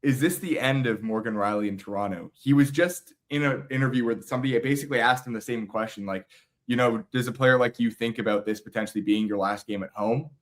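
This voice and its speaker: A man's voice: mid-range voice, fast. A young man co-hosting a podcast, laid-back and agreeable, chatting casually with slang. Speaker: podcast co-host. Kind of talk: casual chat.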